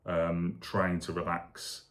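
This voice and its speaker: A man with a deep voice talks through his day in a casual video diary. He sounds weak and foggy after surgery, with little rise and fall in his delivery. His account rambles along, candid and plain. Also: completely flat delivery, takes it slowly, fairly bright tone. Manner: rambling, candid, matter-of-fact. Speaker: vlogger recovering from shoulder surgery.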